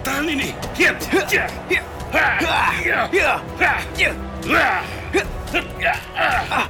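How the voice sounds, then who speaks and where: A cocky brute wrestler fist fighting, yells n grunts, swings all over, music behind. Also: male voice, very high voice, animated, slow pace, exaggerated voice. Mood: fighting, aggressive. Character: brutish arrogant male village wrestler, jealous and taunting. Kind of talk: radio drama acting.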